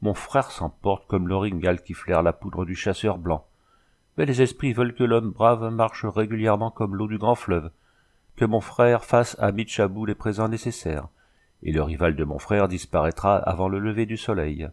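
Brief: man doing a sly, grave schemer, solemn and slow-spoken, deep voice. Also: darkish tone, close to an everyday voice. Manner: solemn, proverb-laden.

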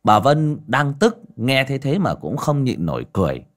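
A man narrating a ghost story in a dramatic, lively storytelling manner. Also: mid-range voice, moderate pace.

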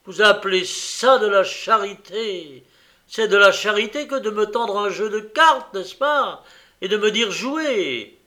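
Guy voicing a tormented old gambler man, strained and shouting, audiobook. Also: on the high side, lively intonation, slow, pitched above the performer's own voice, exaggerated voice. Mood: furious. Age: older. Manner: anguished, rising to shouted rage. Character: old tormented male gambler, desperate and furious.

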